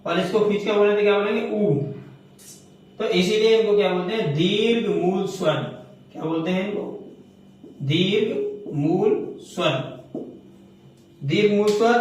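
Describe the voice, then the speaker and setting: A man teaching grammar in a classroom, with a fairly high voice. He puts questions to the students and answers them himself, and he repeats each key term. The sound is very echoey and he stands well away from the microphone. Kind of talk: classroom lecture. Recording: echoey room, mic far off.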